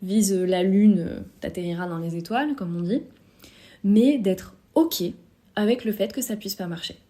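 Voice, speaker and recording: A young woman hosts a solo podcast, speaking casually and directly to one listener. Her voice sits at a middle pitch with a mellow, dark tone. She drops in the odd self-deprecating aside. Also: normal speed. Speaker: podcast host. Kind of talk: solo podcast advice talk.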